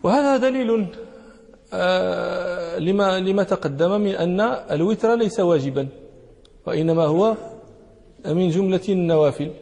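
A man's voice: high-pitched, moderate pace, vocal fry, a little mellow. A man teaching a classroom lesson, explaining a text, repeating key phrases and checking that listeners follow. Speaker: sheikh teaching hadith. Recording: long hall reverb.

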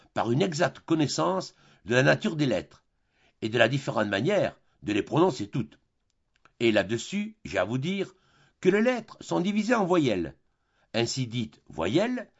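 A man's voice: medium pitch, gravelly, slightly rough, highs cut off, exaggerated voice. A man reading a pedantic lecturing philosopher. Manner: didactic, lecturing, listing terms methodically. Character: pedantic, long-winded male philosophy tutor. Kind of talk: audiobook reading of a classic play.

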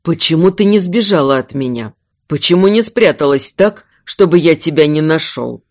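Woman doing a steady, protective duke. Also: normal speed. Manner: low, steady, curt. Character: protective noble duke, strong and calm man.

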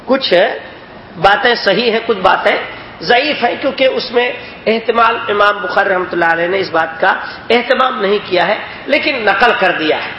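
A man's voice: high-pitched, sharp tone. A man teaching a religious lesson, explaining points and asking his listeners if they understood. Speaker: hadith teacher. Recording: echoey, dull lo-fi recording with faint noise.

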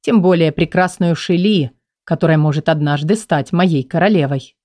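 A woman voicing a stern, brooding king who speaks slowly in a lowered, measured voice. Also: a little mellow, no room sound, lightly acted.

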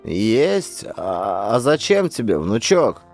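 A man's voice: lowish voice, sing-song, slow pace, a little mellow, soft background music, exaggerated voice. A man voicing a kind, fussing old village grandmother in an audiobook, doting and fretful. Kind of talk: audiobook character voice.

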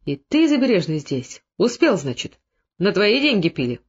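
A man's voice: high-pitched, moderate pace, husky, lo-fi sound, exaggerated voice. A man doing a shrewd, dry-humored colonel. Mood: scolding. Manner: calm, commanding, mildly mocking.

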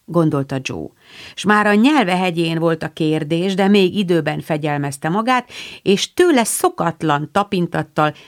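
A woman narrating an audiobook, reading dialogue in a lively, playful way. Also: lowish voice. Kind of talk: audiobook narration with character voices.

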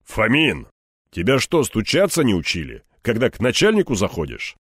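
A man doing a gruff grumbling police chief. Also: lowish voice, huge pitch swings, normal speed, fairly bright tone, no echo, clean studio sound, exaggerated voice.

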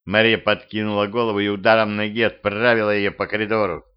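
A man reading a humorous mystical audiobook, lively with his characters. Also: fairly low pitch, fast, smooth. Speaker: audiobook reader. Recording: slightly muffled home recording.

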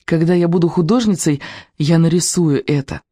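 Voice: mid-range voice, moderate pace, mellow, no echo, clean studio sound, natural voice. A reader voicing Natasha, an earnest, enthusiastic young girl in an audiobook who loves books and drawing. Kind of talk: audiobook character reading.

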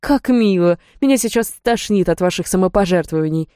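A woman's voice: fairly low pitch, animated, brisk, mellow, smooth, dry recording, studio quality, natural voice. A woman voicing a cold, scornful female archangel commander who talks in a mocking, condescending way, read as an audiobook character.

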